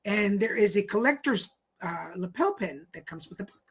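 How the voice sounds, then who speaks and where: A man's voice: high-pitched, animated, moderate pace, a bit bright, husky. A man co-hosting a live online show, chatting casually and rambling with fillers while wrapping up announcements. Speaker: co-host. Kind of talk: casual live-stream chat.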